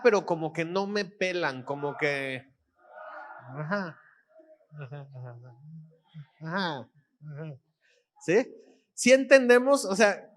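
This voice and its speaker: A pastor delivers a sermon in a fairly high voice. He speaks slowly and deliberately. He keeps the congregation involved by asking for confirmation after nearly every phrase. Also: fairly bright tone. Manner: interactive, checks with audience after each phrase.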